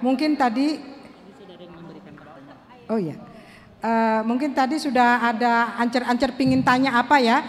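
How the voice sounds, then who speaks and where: A woman's voice: fairly high pitch, steady tone, measured pace, long pauses. A woman emceeing the Q&A at a church talk, chatty and informal as she calls on the audience. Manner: chatty and informal, addressing people as Amang and Inang. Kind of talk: emceeing a Q&A session. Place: church hall. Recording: long hall reverb.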